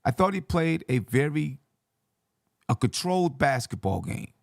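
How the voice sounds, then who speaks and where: Hoarse man hosting sports talk, swinging pitch. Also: sing-song, unhurried, dry recording, studio quality. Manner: conversational, repeats phrases for emphasis. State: hoarse voice from yelling. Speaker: sports show host. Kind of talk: casual sports commentary.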